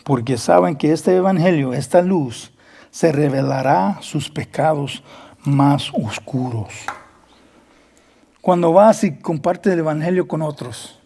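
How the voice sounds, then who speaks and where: A man's voice: a little high, slow pace, vocal fry, dark tone. A man preaching a Bible study sermon as pastor, earnest, repeating words and acting out quoted dialogue, slipping between Spanish and English.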